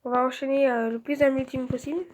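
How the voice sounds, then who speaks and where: A woman's voice: sits high, steady tone, quick pace, a little mellow, slight background noise. A woman giving casual let's-play commentary, chatty and thinking aloud with lots of filler words.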